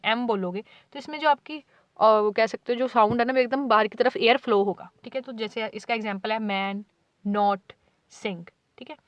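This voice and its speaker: A woman's voice: on the high side, fairly bright tone, dry recording. A woman teaching a class in a lesson video, explaining patiently, saying "ठीक है" again and again and sounding out example words. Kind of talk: whiteboard lecture in Hindi with English terms.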